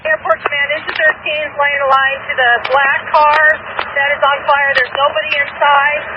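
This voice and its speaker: Flat, high-pitched male commander on urgent radio. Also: normal speed. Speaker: fire incident commander. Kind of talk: urgent firefighter radio traffic. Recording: distant, muffled, noisy two-way radio.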